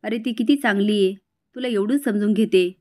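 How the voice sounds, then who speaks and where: A woman's voice: mid-range voice, brisk, a little mellow, natural voice. A woman voicing a stern older man of the family who reproaches a young relative in a retold TV serial. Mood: reproachful.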